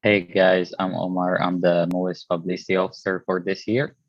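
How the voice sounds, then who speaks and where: A man's voice: deep voice, little pitch movement, normal speed, no echo, muffled recording. A man from Egypt, a civil engineering student, giving a brief self-introduction as publicity officer.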